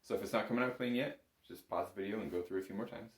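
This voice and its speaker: Here a man with a lowish voice talks rapid-fire while teaching bagpipes, keeping the lesson relaxed and conversational. He explains the exercises encouragingly, often downplaying himself, in an indoor space with a roomy echo.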